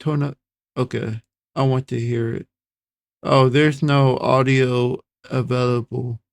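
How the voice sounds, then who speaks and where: A man reads an article aloud for his viewers, slowly and with little rise and fall in his voice. He keeps tripping over hard words and saying them again. The sound is dry and close. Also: mid-range voice, flat delivery, vocal fry, no echo. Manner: slow, halting delivery. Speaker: streamer reacting to videos. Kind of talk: reading an article aloud and reacting.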